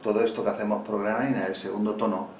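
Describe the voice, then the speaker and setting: A man with a fairly low voice talks through a flamenco guitar lesson in a calm, explanatory way. He sits back from the mic, so his voice sounds roomy and a little distant. Loud guitar playing rings out between his words. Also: fast.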